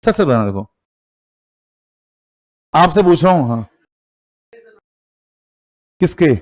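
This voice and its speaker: A man's voice: on the high side, lively intonation, slow. A man with an Indian accent teaching accounting in a live classroom, teasing and quizzing students with call-and-response questions.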